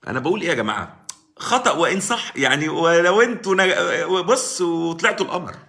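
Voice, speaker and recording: An Egyptian-accented man talks fast on his live stream and argues his case to the viewers. His pitch swings widely from high to low, and his voice sounds bright and forceful. He calls out viewers by name as he answers them. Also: expressive, creaky. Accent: Egyptian Arabic. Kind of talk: casual political commentary on a live stream. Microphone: live-stream mic.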